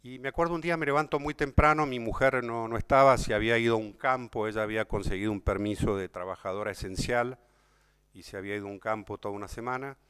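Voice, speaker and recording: Argentine man with a smooth, clear voice. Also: mid-range voice, fast, fairly bright tone. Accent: Argentine Spanish. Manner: emotional, conversational, repeats himself; addresses listeners directly. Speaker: speaker at a talk. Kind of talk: personal storytelling to an audience.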